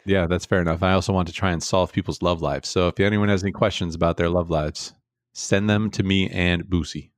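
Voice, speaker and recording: Young male podcast co-host, very low voice, loose and rambling, dry close mic. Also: fairly even intonation, brisk, dry recording. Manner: rambling, many fillers and restarts. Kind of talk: casual podcast chat.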